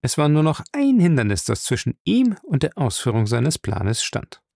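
A man reading a novel aloud as narrator, steady and measured. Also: a little high, vocal fry, no echo. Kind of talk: audiobook reading.

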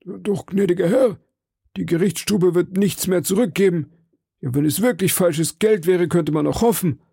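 A man doing a fretful high-voiced innkeeper. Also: normal speed, creaky, mellow, slightly rough, no echo, studio quality, full character voice. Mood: pleading. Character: fretful male innkeeper, middle-aged, grumbling. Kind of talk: audiobook character voice.

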